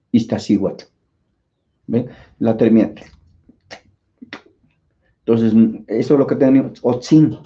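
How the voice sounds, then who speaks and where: A man's voice: mid-range voice, dark tone, highs cut off. A man with a Mexican Spanish accent teaching an informal online language class, rambling with many fillers and restarts.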